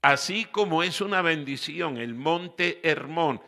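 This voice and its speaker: Gravelly pastor preaching. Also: male voice, a little high, animated, slow, sharp tone, long reverb tail. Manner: rhetorical questions, emphatic repetition. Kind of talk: sermon. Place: church hall.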